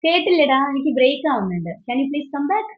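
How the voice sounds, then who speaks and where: A woman's voice: sits high, big pitch swings, normal speed. A woman teaching an online English grammar class, patient and questioning, often switching into English as she explains. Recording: dull lo-fi online call audio.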